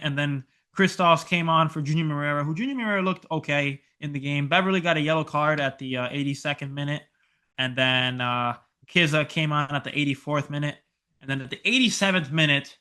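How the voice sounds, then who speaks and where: A young man co-hosting a soccer podcast, recapping a match in casual, animated talk with swearing and lots of fillers. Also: on the high side. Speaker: podcast co-host.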